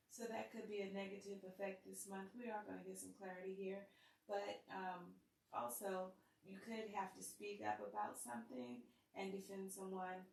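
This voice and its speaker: A woman's voice: mid-range voice, gravelly, darkish tone, recorded from a distance. A woman giving a casual tarot reading straight to her viewers, chatty and laughing often. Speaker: tarot reader. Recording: echoey room, voice a bit off-mic.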